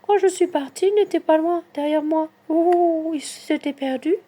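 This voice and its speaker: A woman voicing an excitable female owl who keeps hooting between her words in a children's story. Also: extremely high pitch, slow, voice pushed up. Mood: worried. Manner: hoots often between words.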